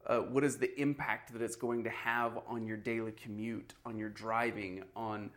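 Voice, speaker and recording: A man's voice: fairly low pitch, little pitch movement, moderate pace, a bit bright. A man in a casual podcast chat about marketing, talking loosely and filling gaps with "you know" and "like". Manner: conversational, heavy on "you know" and "like".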